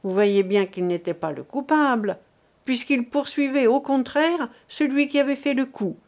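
A woman's voice: high voice, normal speed, darkish tone, voice pushed up. A woman reading aloud as a man in a crowd, earnest and persuasive. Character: reasoning male bystander.

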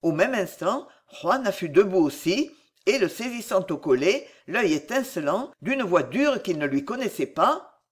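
Expressive audiobook narrator. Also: medium pitch, a little slow, slightly rough. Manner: dramatic, expressive reading of a period novel.

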